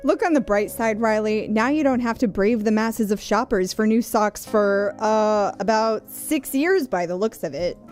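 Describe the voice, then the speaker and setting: A woman's voice: medium pitch, moderate pace, hardly any pauses, darkish tone, faint music behind. A woman co-hosting on radio, reading a comedy skit with teasing comebacks. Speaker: radio co-host.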